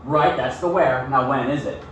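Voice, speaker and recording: Speaking at medium pitch and a normal pace, a male teacher leads a classroom lesson that includes reading aloud, checking understanding with brief questions. The sound is distant and echoey, with a little faint noise.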